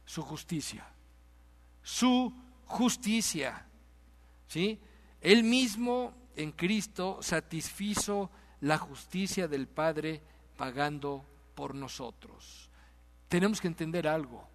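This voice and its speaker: High-pitched man preaching, emphatic, keeps repeating questions to the crowd, church hall with long reverb. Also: slow pace. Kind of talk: sermon.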